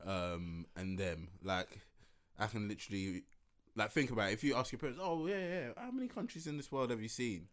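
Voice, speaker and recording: A man's voice: on the low side, lively intonation, a little fast. A man, co-hosting a casual podcast chat, joking and laughing often. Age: 30s. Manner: jokey, laughs often, slangy. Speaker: podcast co-host.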